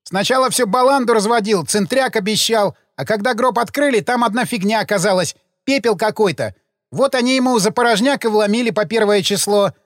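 A man's voice: sits high, brisk, dry recording, studio quality, voice pushed up, natural voice. A man reading an audiobook, voicing a sullen, frightened male cemetery laborer who talks in agitated, defensive, slangy bursts.

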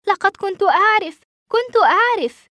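A woman voicing a frightened teenage boy held captive, pleading in high-strung outbursts. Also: lively intonation, moderate pace, bright, forceful tone, dry recording, clean studio sound, full character voice. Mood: panicked pleading.

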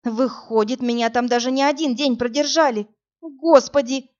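Brief: female reader doing an insistent, upset young woman, a slightly high voice, a muffled recording. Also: moderate pace, a little mellow, close to an everyday voice. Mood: indignant. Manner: insistent, agitated, raising her voice. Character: indignant young woman office worker. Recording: dull lo-fi audiobook recording.

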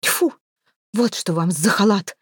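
A woman's voice: mid-range voice, a little fast, dark tone, no room sound, natural voice. A pale, resentful middle-aged woman, read by a woman narrator who speaks plaintively. The sound is dry and close.

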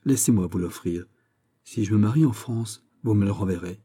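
A man's voice: fairly low pitch, moderate pace, dark tone, husky. A man reading aloud, voicing an earnest young nobleman with a respectful, solemn manner.

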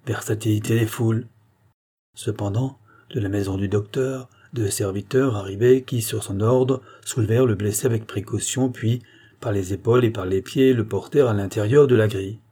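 A man reading a novel aloud as a measured, unhurried narrator, lifting his voice for the dialogue. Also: on the low side, mellow, husky. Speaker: audiobook reader. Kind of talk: scripted narration.

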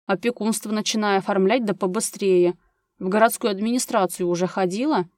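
A woman doing gruff, curt neighbor Gera. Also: mid-range voice, steady tone, a little fast, a little mellow, no echo, clean studio sound, lightly acted. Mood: blunt. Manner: curt, businesslike, bossy. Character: gruff blunt grown man, a practical ex-paramedic neighbor.

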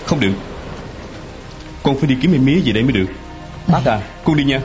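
An actor playing a devoted young man in a radio drama, talking earnestly and fast. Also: medium pitch, animated, darkish tone, soft background music, natural voice. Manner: earnest, rapid pleading. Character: devoted young man, anxious then relieved. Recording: dull lo-fi radio drama recording.

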